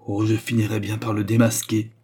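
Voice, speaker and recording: A man's voice: mid-range voice, normal speed, mellow, husky, lightly acted. A man reading a novel aloud, voicing a proud young woman who speaks with fervent insistence.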